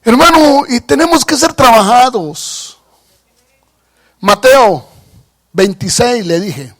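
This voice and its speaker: A man delivers a sermon in a high, lively voice. He preaches with passion, pushing his emphatic lines loud and letting asides fall to near quiet. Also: takes it slowly. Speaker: pastor.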